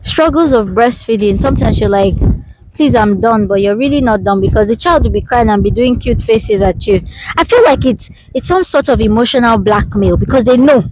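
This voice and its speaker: A woman's voice: on the high side, fairly quick, a little mellow, rough recording. A young woman with a Nigerian accent, chatting casually in a vlog as a mother, ranting animatedly and slipping into pidgin. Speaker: mother vlogger. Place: outside the home.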